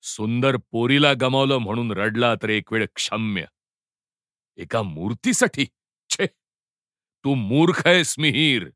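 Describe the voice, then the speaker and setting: A man's voice: medium pitch, lively intonation, unhurried, pauses often, fairly bright tone, dry recording, studio quality. A man voicing a ruthless, commanding Hun king who barks scornful orders in a storybook reading.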